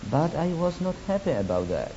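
This guest preacher from Poland speaks English with a Polish accent, his fairly high, dark voice taking on a sing-song quality. He shares personal testimony in a sermon, using deliberate, halting non-native phrasing and wry asides. The dull lo-fi recording carries a faint hiss.

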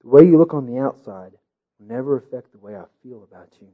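A man voicing a gentle, loving king who speaks softly and tenderly in a storybook reading. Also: medium pitch, expressive, fast, voice pushed down, close to an everyday voice. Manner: gentle, soft-spoken. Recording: dull lo-fi recording.

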